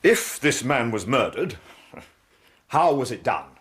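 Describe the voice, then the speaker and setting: A man acting in a radio drama as a cocky, sceptical Victorian police inspector, brisk and scoffing. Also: mid-range voice, big pitch swings, fairly bright tone. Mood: curious, brisk.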